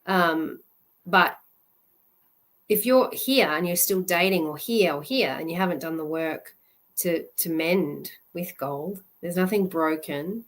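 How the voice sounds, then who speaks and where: A woman love coach giving a live presentation in an earnest, halting way, often restarting her sentences. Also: on the low side.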